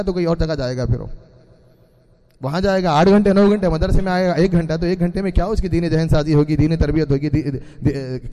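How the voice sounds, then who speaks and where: Man, preacher, sermon, earnest, repetitive exhortation, fairly high, mellow voice. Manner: earnest exhortation with repeated phrases. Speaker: preacher at a madrasa gathering.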